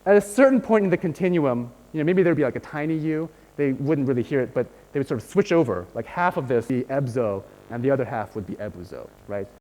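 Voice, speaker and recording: Speaking fast with hardly any pauses, a male linguistics lecturer delivers a university lecture in a slightly high, slightly mellow voice with lively intonation. He explains patiently and keeps checking in with "right?" and "okay?". The sound carries a long hall reverb.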